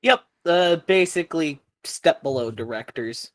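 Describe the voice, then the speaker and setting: Young male contestant, animated pitch, dry close sound, brief replies. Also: measured pace, no echo. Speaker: game show contestant. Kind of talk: short interview answers.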